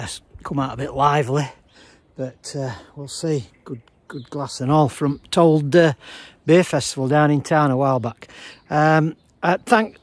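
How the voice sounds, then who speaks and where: A man in his fifties with a Sheffield-area Yorkshire accent, rambling in dialect in a deadpan, halting way, as in a casual comic vlog. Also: on the high side, no echo. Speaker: comic video monologuist. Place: outdoors in a garden. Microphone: phone at arm's length.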